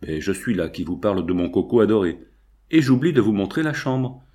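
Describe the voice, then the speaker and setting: A man's voice: lowish voice, very animated, fairly quick, dark tone. A man voicing a fat, heavily made-up older landlady who chatters fussily and dotes on her pet. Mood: gushing. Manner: chatty, fussy, doting. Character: fat, painted older woman landlady, gushing.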